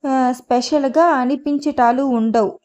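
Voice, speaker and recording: A woman voicing a relaxed, teasing husband in a storybook reading. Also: sits high, measured pace. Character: easygoing husband Ramakrishna, teasing and amused.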